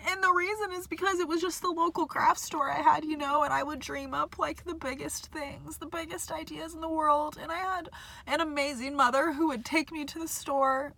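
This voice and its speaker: Bright-voiced, impassioned young woman vlogging. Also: high voice, gravelly, dry recording. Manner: impassioned, heavy use of "like". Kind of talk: casual personal vlog. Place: parking lot.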